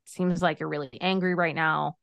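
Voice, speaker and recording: A woman's voice: deep voice, normal speed, gravelly, smooth, no echo. Dry-sounding woman giving earnest advice. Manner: earnest, animated advice-giving with acted quotes. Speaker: podcast guest, life coach. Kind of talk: casual podcast interview.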